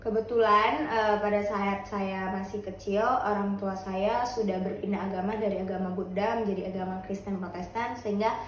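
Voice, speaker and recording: A woman's voice: mid-range voice, steady tone, moderate pace, hardly any pauses, slight background noise. Young woman interviewee, reflective, roomy echo. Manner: thoughtful, reflective explanations. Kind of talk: casual interview answers.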